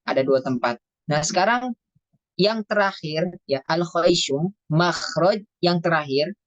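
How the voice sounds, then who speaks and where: A teacher giving an online lesson on Quran recitation, stretching out recited phrases slowly, then explaining each point briskly. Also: mid-range voice, dry recording, highs cut off. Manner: slow drawn-out recitation alternating with brisk explanation. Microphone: video call.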